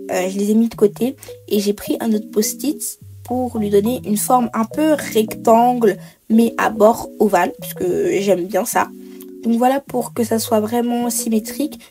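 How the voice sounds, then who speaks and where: Chatty woman narrating a craft tutorial. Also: fairly high pitch. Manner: chatty, explains step by step with many hesitations. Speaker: bullet journal creator.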